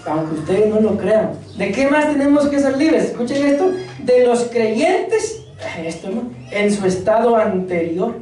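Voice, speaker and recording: Woman preacher, fairly high voice, questions and jokes with the flock, recorded from afar in a booming church hall. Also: big pitch swings, a little slow, mellow. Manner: asks the congregation questions, jokes between points. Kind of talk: church sermon. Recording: very echoey church hall, mic far off.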